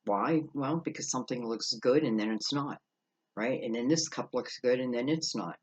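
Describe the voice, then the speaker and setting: A man's voice: mid-range voice, breathy edge. Musing man giving a mystical tarot reading. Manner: musing aloud, halting, trailing pauses and repeated rhetorical questions. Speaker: tarot card reader.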